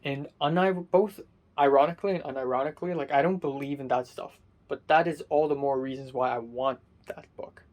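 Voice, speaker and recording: A young Hong Kong man whose first language is Cantonese tells a rambling story in a casual vlog. His voice is mid-range and darkish, full of fillers, restarts and offhand swearing.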